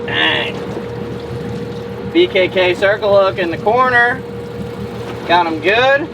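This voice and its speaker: A man's voice: high-pitched, animated, takes it slowly. A man hosting a fishing show, talking casually to camera in an enthusiastic, exclamatory way out on a boat. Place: outdoors on a boat at sea. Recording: very noisy outdoor boat, wind and motor.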